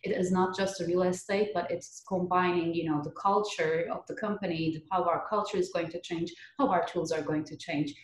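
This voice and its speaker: Fairly quick and with few pauses, a woman in her thirties from Turkey talks in a fairly low, fairly even voice with a Turkish accent. As a geotechnical earthquake engineer guesting on a podcast, she answers conversationally over a video call from her living room, and the computer mic gives the sound a roomy echo.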